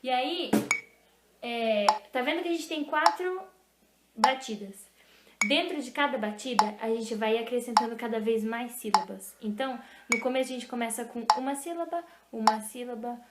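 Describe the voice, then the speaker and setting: Young woman patiently teaching rhythms. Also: fairly high pitch. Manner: slow, patient explaining, chanting rhythm syllables. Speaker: music teacher for a youth club. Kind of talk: online music lesson, body percussion. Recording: echoey room, faint noise.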